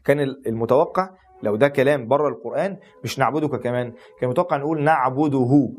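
Fervent fast-talking Egyptian preacher man. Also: medium pitch. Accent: Egyptian Arabic. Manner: fervent, swings between hushed pleading and rising emphatic. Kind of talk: religious lesson on Quran verses.

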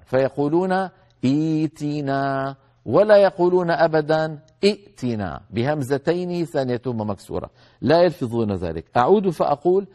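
A man teaching Quran recitation rules, explaining carefully and slowly stretching out words to demonstrate their pronunciation. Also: on the high side, darkish tone. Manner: addresses listeners as brothers. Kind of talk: tajweed lesson with recited examples.

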